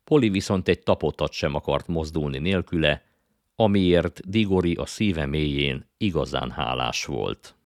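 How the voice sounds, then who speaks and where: A man narrating a children's story aloud in a calm, even storytelling manner. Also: very deep voice, no room sound, clean studio sound. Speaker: audiobook narrator. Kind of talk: scripted narration. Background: faint guitar music.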